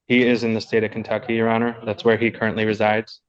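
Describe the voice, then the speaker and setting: A man serving as public defender speaks quickly and formally to the bench in a lowish, flat voice. The sound comes from a dull, lo-fi courtroom audio recording. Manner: polite, formal, rapid delivery.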